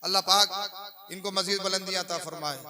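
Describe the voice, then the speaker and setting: Male Urdu preacher from western Uttar Pradesh, high and very bright voice, live call-and-response sermon on a PA mic. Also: steady tone, brisk. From India. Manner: rhetorical questions, rising to emphatic declaiming, folksy humour. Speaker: Islamic preacher. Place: religious gathering with a congregation. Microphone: microphone through a sound system.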